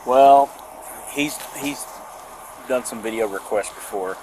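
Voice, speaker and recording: A man in the middle pitch range speaks hesitantly, stumbling and repeating words. He is a police sergeant recorded outdoors on a body camera. Street noise is clearly audible behind him. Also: slow.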